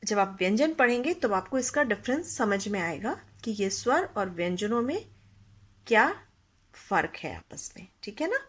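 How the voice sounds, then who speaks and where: A woman's voice: medium pitch, sing-song, moderate pace, husky. A woman teaching a Hindi grammar lesson to young children, explaining patiently, asking the class questions and mixing English words into her Hindi.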